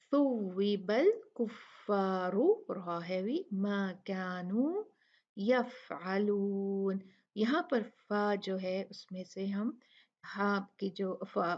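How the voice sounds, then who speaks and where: Woman teaching recitation, slow patient delivery, drawn-out demo syllables, slightly dull lo-fi audio. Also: mid-range voice. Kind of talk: tajweed lesson, explaining and demonstrating recitation.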